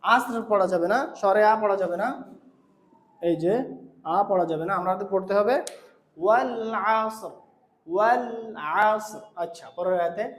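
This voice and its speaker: High-voiced man teaching Quran recitation. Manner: explains errors then chants verses slowly. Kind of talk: recitation lesson correcting pronunciation. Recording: echoey room.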